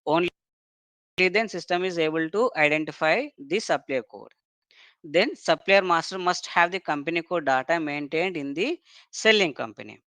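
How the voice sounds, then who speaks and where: Walking through technical content one step at a time, this software trainer has a smooth, clean voice and a dry recording free of echo. The mid-range voice holds a moderate pace, frequently wrapping up points with quick checking tags.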